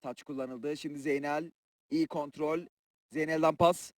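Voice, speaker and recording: A man commentating on a football match in short clipped phrases, screaming excitedly as shots and goals come. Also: on the high side, unhurried. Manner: short clipped phrases, calling players by first name.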